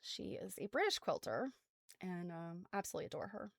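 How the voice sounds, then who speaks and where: A gravelly, lowish American woman's voice, expressive and a touch fast, with no echo, hosts a casual craft stream. She talks about quilts in a rambling, informal way full of trailing side comments.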